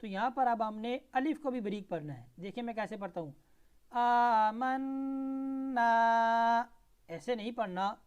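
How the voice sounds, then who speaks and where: A man teaching Tajweed, spelling out and reciting verses slowly syllable by syllable, then explaining the rules in brisk asides. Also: high-pitched, expressive, darkish tone. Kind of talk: Tajweed lesson with slow recitation.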